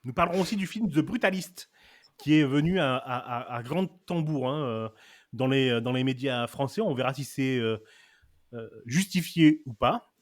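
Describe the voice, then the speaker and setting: A man's voice: medium pitch, lively intonation, normal speed. A man hosting a casual film and series podcast, playful and theatrical as he introduces his guests. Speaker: podcast host. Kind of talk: casual chat.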